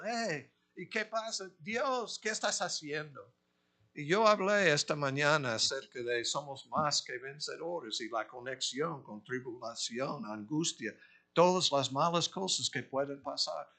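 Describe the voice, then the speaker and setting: Slow, forceful preaching man. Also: medium pitch. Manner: slow, deliberate preaching with long pauses and forceful emphatic peaks. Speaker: pastor. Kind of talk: sermon. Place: church.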